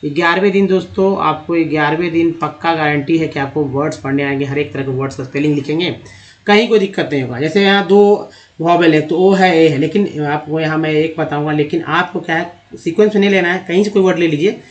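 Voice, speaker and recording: A man teaching a language lesson, slowly sounding out English words letter by letter and explaining vowel sounds to his viewers. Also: on the high side, muffled recording. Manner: slow, drawn-out spelling and sounding out of words; explains with repeated patterns and direct address to viewers.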